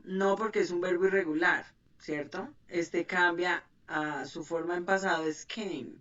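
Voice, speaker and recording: A woman's voice: on the low side, a bit bright. A woman teaching an online English class, explaining grammar patiently and checking that students follow. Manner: patient, checks understanding with "¿sí?" and "¿listo?". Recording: muffled, distant mic.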